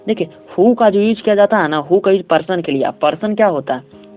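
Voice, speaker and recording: A male English teacher walking students through an exam paper step by step, reading English sentences slowly and often checking in with his class. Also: high voice, animated, faint music behind. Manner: reads English sentences slowly, then explains them. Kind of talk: exam paper walkthrough lesson. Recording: tinny phone-like audio.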